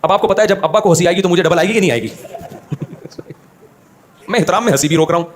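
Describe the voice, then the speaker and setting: A man's voice: sits high, a little fast, a little hiss or hum. A man giving a religious talk, telling humorous anecdotes and acting out the people in them. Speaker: Islamic scholar giving a talk.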